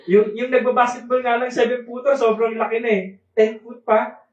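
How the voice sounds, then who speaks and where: A man's voice: very high voice, little pitch movement, moderate pace. A man with a Filipino accent preaching a sermon at a church service, reading scripture aloud and joking with the congregation. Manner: switches between Tagalog and English, jokes with congregation, reads scripture aloud. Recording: echoey, distant, dull church recording.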